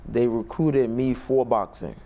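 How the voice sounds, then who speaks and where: A man's voice: medium pitch, a little slow, mellow. A man from Barbados, a boxer answering interview questions in a laid-back way with short answers and fillers in a studio. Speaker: boxer guest.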